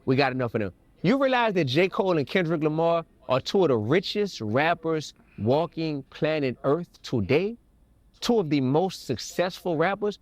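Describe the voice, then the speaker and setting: An American rapper, interviewed, speaks in an opinionated, emphatic way, repeating words to stress them. His voice is fairly high and very animated, at a moderate pace. The recording is dry.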